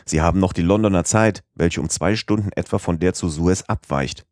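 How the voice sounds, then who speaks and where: A man voicing a suspicious police agent who asks calm, coaxing questions, in an audiobook reading. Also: low-pitched, moderate pace, no echo, clean studio sound, close to an everyday voice. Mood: probing. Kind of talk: audiobook character voice.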